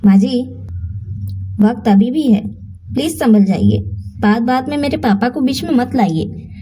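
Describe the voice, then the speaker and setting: Storybook heroine: a hurt but defiant young wife, voiced by a woman, high-pitched. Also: dark tone, a little hiss or hum, natural voice. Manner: pleading then firm, quick retorts.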